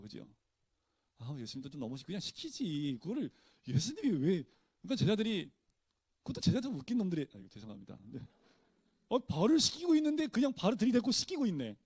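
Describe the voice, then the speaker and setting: A man's voice: high voice, darkish tone, dry recording. A male pastor teaching a Bible study in a casual, conversational way, often posing questions to his listeners and answering them himself.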